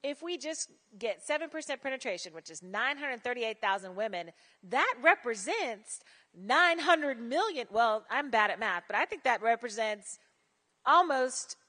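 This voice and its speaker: Animated bright-voiced woman coaching. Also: on the high side, moderate pace, in a large hall. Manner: animated, direct, uses slang. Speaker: pitch coach. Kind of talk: coaching feedback at a rehearsal.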